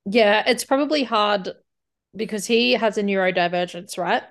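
A woman's voice: mid-range voice, normal speed. A woman co-hosting a casual chat show. She jokes and teases easily but answers her co-host with sympathy. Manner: teasing, sympathetic listener. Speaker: podcast co-host.

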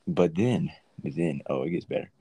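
A man telling a funny story on a comedy talk show in a slow, laid-back way. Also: very deep voice, animated, gravelly, warm tone, breathy edge, no room sound. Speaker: podcast co-host.

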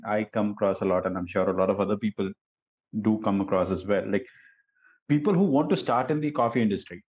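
A man's voice: medium pitch, darkish tone, lo-fi sound. A man with an Indian accent hosting a casual conversational interview, asking questions and commenting. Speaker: interviewer, host.

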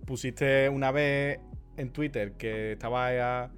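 A man hosting a podcast from Spain, laughing often and telling stories in an animated, eager way. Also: medium pitch, takes it slowly, faint music behind. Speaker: podcast host. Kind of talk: casual podcast chat.

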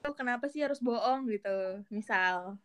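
Higher-pitched young woman, Jakarta accent, casual podcast host, colloquial city slang. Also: moderate pace, clean tone.

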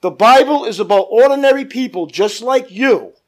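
High-pitched male preacher giving a sermon. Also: lively intonation, moderate pace. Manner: calls for amens from listeners. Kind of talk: church sermon.

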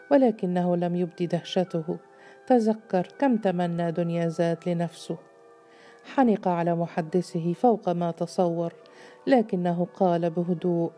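A woman reading a literary story aloud, measured and steady. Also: fairly low pitch, faint music behind. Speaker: narrator. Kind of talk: scripted audiobook narration.

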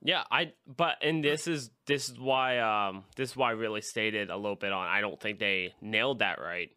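Bright-voiced man chatting about games. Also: lowish voice, moderate pace, clear, resonant tone. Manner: rambling, filler-heavy game opinions. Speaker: podcast co-host. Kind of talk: casual chat.

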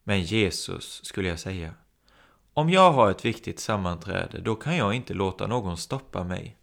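Male preacher, low and gravelly, animated storyteller who acts out the voices. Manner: storytelling, acting out quoted voices. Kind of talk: sermon.

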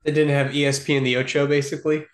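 Male podcast co-host, slightly high voice, slangy casual sports talk, very roomy echoey sound. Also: level tone, very fast. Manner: informal, slangy.

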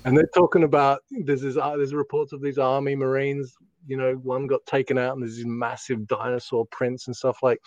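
A man with a broad Australian accent chats casually at a middling pitch, rambling from one story to the next. His talk is rough with slang and swearing. The sound is close and dry, a little muffled and lo-fi. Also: little pitch movement, a little fast, darkish tone, no echo.

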